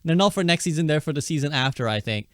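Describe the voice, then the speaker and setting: A man's voice: fairly high pitch, fast, no room sound, clean studio sound. A man hosting a podcast, telling stories in casual, profane chat. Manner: profane, animated storytelling. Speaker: podcast host.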